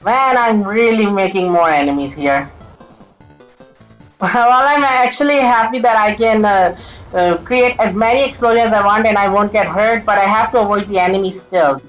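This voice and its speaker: A woman's voice: mid-range voice, moderate pace, soft background music, rough recording. A woman giving casual let's-play commentary over a retro game, often stuttering, restarting sentences and laughing at her own slips. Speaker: gameplay commentator.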